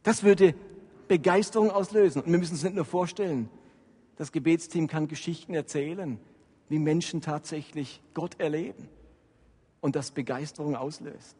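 High-voiced man preaching in a reverberant hall. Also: moderate pace, breathy edge. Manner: animated, emphatic preaching with frequent rises in loudness. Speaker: pastor. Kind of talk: sermon.

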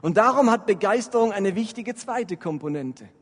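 A man giving an animated, emphatic sermon as pastor. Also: high-pitched, moderate pace, big-room sound. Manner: animated, emphatic preaching with frequent rises in loudness.

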